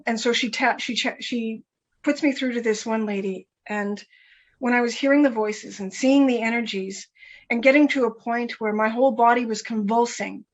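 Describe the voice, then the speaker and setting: A woman talks through a personal story as an interview guest, her voice sitting a little high. She is animated, restarts and repeats phrases, and slips into the voices of the people she quotes. The recording sounds dull and a bit lo-fi. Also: normal speed. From Canada.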